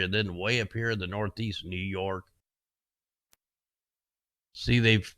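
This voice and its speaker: A low, bright, forceful man's voice comes across on a dry recording. He's the host of a casual screen share, rambling conspiratorially over weather maps, his voice wearing down as he starts to lose it.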